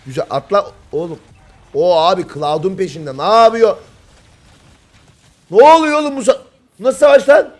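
A young man from Turkey giving live, excitable commentary on a mobile game match and calling out moves to the players. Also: medium pitch. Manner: excitable, yells at players when the fight heats up.

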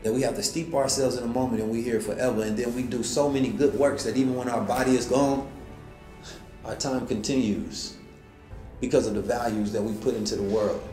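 A man's voice: medium pitch, steady tone, brisk, mellow. A man giving a motivational talk as host, preaching and asking rhetorical questions. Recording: roomy echo with faint music.

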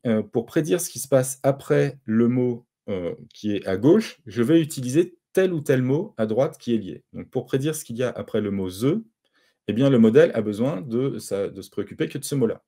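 Dark-voiced man explaining at a conference. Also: medium pitch, breathy edge. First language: French. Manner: explanatory, with frequent hesitations and restarts. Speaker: conference speaker. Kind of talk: conference talk with slides.

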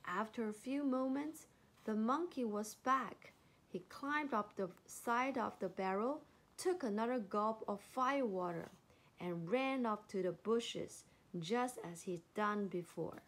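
Slow expressive woman storyteller. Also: a little high. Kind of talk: children's story reading.

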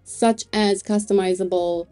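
A woman reviewing web hosting plans over a screen recording, thinking aloud in an unhurried way with small laughs. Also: mid-range voice, steady tone, dark tone, soft background music. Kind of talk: screen-recorded product walkthrough.

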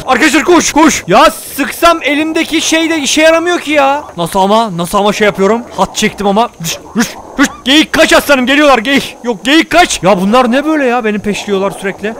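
A man's voice: very high voice, fairly bright tone. A young man giving rowdy, jokey let's play commentary, swearing often and talking straight to his viewers. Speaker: gaming YouTuber.

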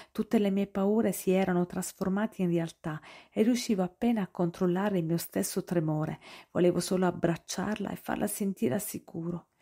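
A woman's voice: mid-range voice, mellow. A woman reading an audiobook in a dramatic narration style. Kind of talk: scripted narration.

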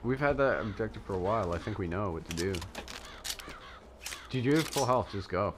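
Man, casual let's-play commentary, teasing, animated pitch, noisy recording. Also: brisk. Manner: joking, teasing backseat gamer. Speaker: co-host of a gaming channel.

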